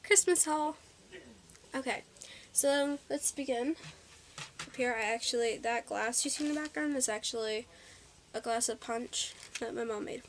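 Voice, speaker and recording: A teenage girl vlogger chats through a casual haul video, bubbly and a little out of breath, filling her speech with ums and likes. Her voice is a little high, with fairly even intonation and a moderate pace, over slight background noise.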